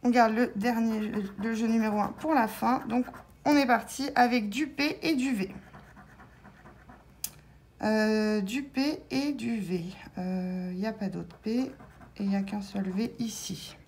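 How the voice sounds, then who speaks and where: Woman, scratch-card vlogger, slow and hesitant, fillers, slightly high voice, faint background noise. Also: darkish tone. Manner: slow, hesitant, with many fillers and letter-by-letter checking. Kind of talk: casual commentary while scratching tickets.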